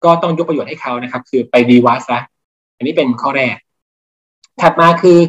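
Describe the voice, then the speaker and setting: Male doctor guest, measured teaching delivery, lo-fi audio. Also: medium pitch, fairly bright tone. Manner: explanatory, measured lecturing with medical terms. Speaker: cardiologist guest. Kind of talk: teaching clinical points in a podcast interview.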